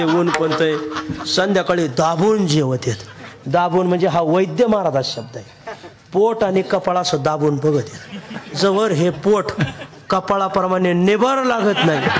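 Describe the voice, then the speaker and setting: A man from Maharashtra delivers a devotional kirtan sermon in a high voice. He tells stories with humour and sing-song emphasis, often laughing as he talks. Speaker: kirtan preacher.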